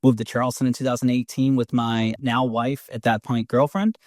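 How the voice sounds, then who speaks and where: Speaking candidly on a podcast, a Brockton-born man in his forties who invests in real estate shares stories from his life with a hint of Boston in his accent. The delivery is brisk and level at a medium pitch, and the sound is clean and dry, studio grade.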